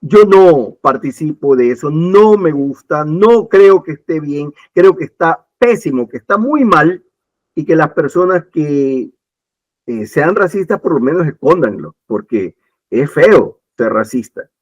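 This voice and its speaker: A man from Ecuador speaks in a slightly high voice. He argues his views insistently, circling back and restarting as he pushes his point. The recording is dry and close, with no room sound. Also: lively intonation, a little slow, no echo, highs cut off. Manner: emphatic, repeats points, many restarts. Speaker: political commentator. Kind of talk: opinionated talk-show discussion.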